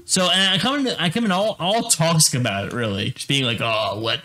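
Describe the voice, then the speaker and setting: A man's voice: fairly high pitch, sing-song, a little fast, pushed and bright, slight background noise. A young man co-hosting a casual podcast, telling a story and acting out quotes with lots of repeated words. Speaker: podcast co-host.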